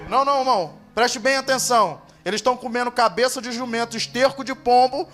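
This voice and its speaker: A male pastor from Brazil preaching at a church service, telling a story dramatically and swinging from hushed asides to loud, impassioned calls. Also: extremely high pitch, fairly even intonation, brisk, soft background music.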